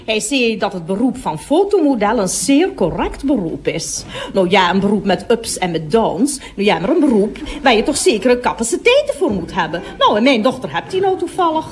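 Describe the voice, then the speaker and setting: A gossipy middle-aged toilet attendant chatters through a radio comedy monologue. Her voice sits a little high and swoops up and down with lively expression. She keeps breaking off to address passing customers. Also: normal speed.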